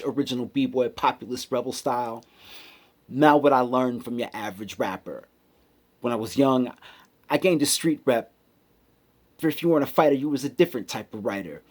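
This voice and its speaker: Delivering spoken word in a hip-hop cadence, a man from a United States city speaks rhythmically and emphatically, leaving deliberate pauses between phrases. His mid-range voice has a slightly mellow quality.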